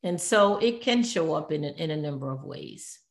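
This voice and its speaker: A woman's voice: low-pitched, lively intonation, moderate pace. A woman speaking as a therapist in an earnest, conversational way, often searching for words and correcting herself mid-sentence. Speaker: therapist guest. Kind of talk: conversational expert talk. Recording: roomy echo.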